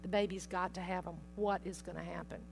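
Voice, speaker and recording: A woman quoting a poor, tearful mother at a store checkout in a soft, pleading voice. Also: lowish voice, fairly even intonation, a little fast, gravelly, slight background noise. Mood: tearful relief.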